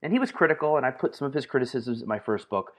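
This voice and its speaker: A man being interviewed on a podcast, answering in long, lively stories with frequent fillers. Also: mid-range voice, racing. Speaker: guest, market analyst and author.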